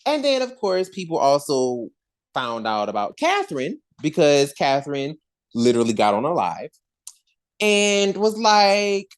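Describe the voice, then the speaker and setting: A woman's voice: low-pitched, a little slow. A woman hosting a podcast, talking in a casual, gossipy way with lots of slang and frequent laughter. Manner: animated, slangy, laughs often. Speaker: podcast host.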